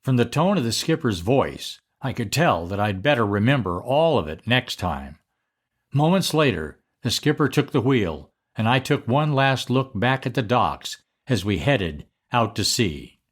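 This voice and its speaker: An older man narrating a personal memory in a slow, deliberate storytelling manner. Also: mid-range voice, big pitch swings, husky.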